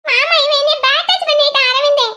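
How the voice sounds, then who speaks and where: A woman voicing a naive young girl bride in a cartoon, chattering in a shrill, breathless way. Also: fairly even intonation, brisk, sharp tone. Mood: tattling. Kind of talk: cartoon voice acting.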